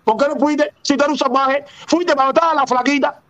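Man, Cuban accent, combative, taunting, quick, muffled lo-fi line. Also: very high voice, steady tone, fairly bright tone. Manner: combative, taunting, repeats himself. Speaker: live stream guest. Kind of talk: heated live call-in argument.

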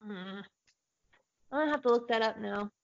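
A woman co-hosting a casual podcast chat, joking excitably and swearing freely. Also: on the high side, moderate pace, vocal fry. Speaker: podcast co-host. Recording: dull, lo-fi audio.

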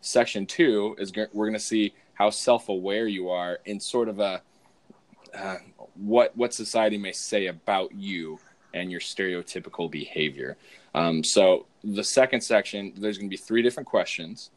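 A man's voice: on the low side, moderate pace. An American man from the West Coast hosting a podcast in a casual, joking, conversational style. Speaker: podcast host. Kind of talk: casual joking interview chat.

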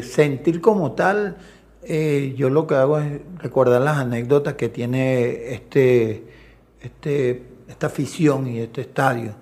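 A middle-aged man, an assistant coach, telling anecdotes in a casual interview and acting out the voices of people he quotes. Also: medium pitch. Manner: animated storyteller who acts out quoted voices. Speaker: assistant coach and video analyst.

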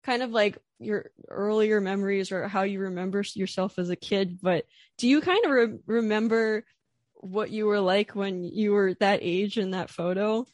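A woman's voice: medium pitch, moderate pace, a little mellow, no echo. Chatty, nervous young woman host. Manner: nervous, chatty with many fillers and restarts. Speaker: podcast host. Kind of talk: casual interview.

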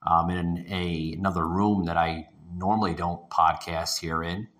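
A man's voice: low voice, fairly even intonation, unhurried, a bit bright. A man hosting a casual podcast, rambling and swearing as he rants, recorded in an echoey room he does not usually use. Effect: echoing room sound. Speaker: podcast host. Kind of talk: casual ranting podcast monologue. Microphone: home podcast setup over internet connection.

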